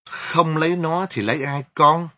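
A man voicing a furious mother who shouts harsh insults at her pregnant daughter, on a dull lo-fi recording. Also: fairly high pitch, a little slow, voice pushed up. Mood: furious scolding. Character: furious mother of a pregnant young woman, scolding.

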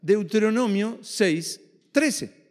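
High-voiced emphatic male preacher. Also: lively intonation, slow, darkish tone. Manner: emphatic, asks the audience rhetorical questions. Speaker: pastor. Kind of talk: sermon. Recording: reverberant hall.

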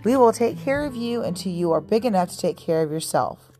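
A woman voicing a kind, motherly female rabbit in a children's story, speaking in a gentle, caring tone. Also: medium pitch, expressive, fairly quick, soft background music, close to an everyday voice.

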